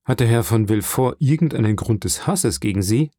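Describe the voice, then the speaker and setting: A man voicing a measured, businesslike male prison inspector in an audiobook reading. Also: medium pitch, animated, warm tone, dry recording, clean studio sound. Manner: matter-of-fact, businesslike.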